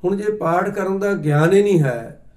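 A middle-aged man giving a sermon, telling stories and explaining recitation slowly. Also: sits high, darkish tone. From Punjab. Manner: storytelling, acts out quoted voices, slow deliberate explanations. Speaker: Sikh preacher. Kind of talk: katha sermon with anecdotes.

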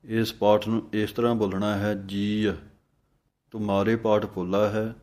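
Slow, low-voiced man teaching scripture recitation. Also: little pitch movement, a little mellow. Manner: slow, measured chanting of scripture lines, then explaining each word. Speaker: Gurbani pronunciation teacher. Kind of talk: slow recitation lesson with pronunciation notes.

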